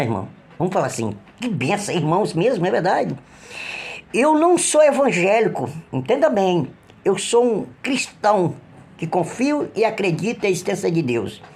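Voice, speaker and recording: A middle-aged man with a Brazilian Portuguese accent giving an emotional personal religious testimony, halting and earnest, with frequent restarts. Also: sits high, darkish tone, slightly rough. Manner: halting, with repeated restarts and trailing phrases; earnest, pleading when retelling cries for help.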